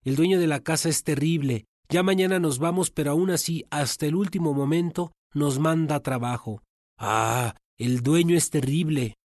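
A man's voice: a little high, normal speed, few pauses, darkish tone, no echo, studio quality, voice pushed up, natural voice. A man voicing a group of tired male servants who complain about their master. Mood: grumbling. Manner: complaining, exasperated.

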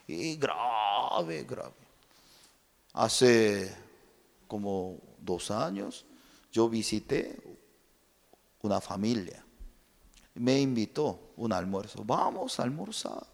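A man preaching a sermon as pastor, telling stories and acting out voices in an animated way. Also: lowish voice, very slow, gravelly, pauses often. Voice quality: animated storytelling, acts out voices. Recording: long reverb in a hall.

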